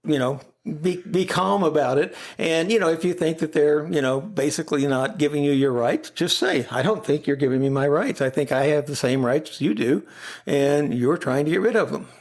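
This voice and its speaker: Older man, calm advice, higher voice. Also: moderate pace. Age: 70s. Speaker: podcast guest. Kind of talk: panel discussion.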